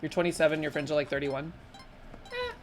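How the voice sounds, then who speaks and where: A woman live-streaming, chatting casually with her viewers in a rambling, animated way full of fillers. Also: normal speed, slight background noise. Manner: animated, with sudden jumps in pitch. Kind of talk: casual live-stream chat while gaming and reading chat.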